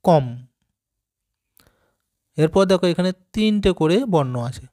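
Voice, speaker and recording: A man's voice: sits high, expressive, warm tone. Patient man teaching small children letters. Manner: slow, patient, asks children questions and sounds out letters. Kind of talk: primary school reading lesson.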